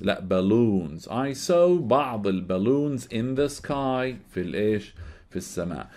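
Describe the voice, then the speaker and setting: A man talks through an English workbook lesson in a fairly low voice. He goes slowly over each phrase, spells words out letter by letter and says them again. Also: a little mellow. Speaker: English teacher.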